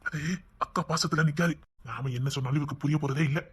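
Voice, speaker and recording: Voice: medium pitch, steady tone, fast, slightly rough. A performer playing an earnest village man with a Tirunelveli Tamil accent, reassuring his aunt and muttering asides in a comedy skit. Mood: consoling.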